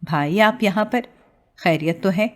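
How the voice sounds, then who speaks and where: A woman's voice: mid-range voice, close to an everyday voice. A woman voicing a friendly young female friend who talks in a coaxing, cheerful way.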